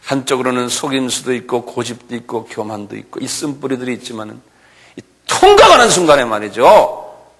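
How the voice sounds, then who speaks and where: A middle-aged male pastor preaching a sermon, acting out quoted lines with shouts and often asking the congregation "예?". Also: mid-range voice, big pitch swings, fairly quick. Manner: acts out quoted voices, shouting and pleading; asks the audience "예?" often.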